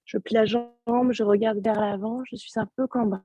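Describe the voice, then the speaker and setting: A woman yoga teacher with a sore throat, giving calm, soft-spoken step-by-step cues over a video call. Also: on the high side, normal speed, breathy edge, highs cut off. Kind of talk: guided yoga class instruction.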